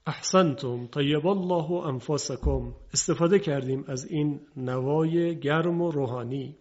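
A man gives a patient pronunciation lesson, stretching each example word out slowly so the difference can be heard. His voice sits a little high. The broadcast audio is muffled and lo-fi. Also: a little mellow. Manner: patient, drawing out example words slowly for contrast. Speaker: Quran pronunciation teacher.

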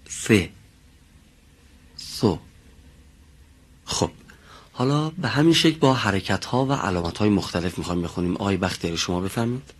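Male pronunciation teacher, low voice, patient, drills sounds slowly. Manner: patient, demonstrates sounds slowly and repeats them. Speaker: Quran recitation teacher. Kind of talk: classroom pronunciation lesson.

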